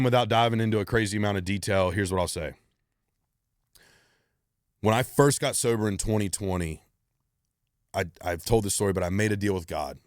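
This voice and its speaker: Speaking alone on his Q&A podcast, a man in his thirties with a very deep voice comes across as forceful and direct, cursing often. The recording is tight and dry, free of any echo.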